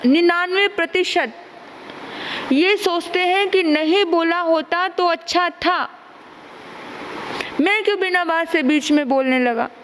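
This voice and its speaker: Woman nun giving a sermon, high voice, unhurried, emphatic repetition. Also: fairly bright tone, a little hiss or hum. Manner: slow, deliberate, repeats phrases for emphasis. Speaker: Jain nun preacher.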